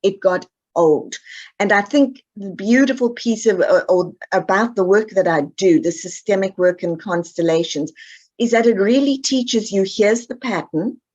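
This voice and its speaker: A woman's voice: mid-range voice, normal speed, a little mellow, lo-fi sound. A woman from South Africa with a South African accent, speaking as an expert guest on a podcast in an emphatic, upbeat, direct way. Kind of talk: podcast interview.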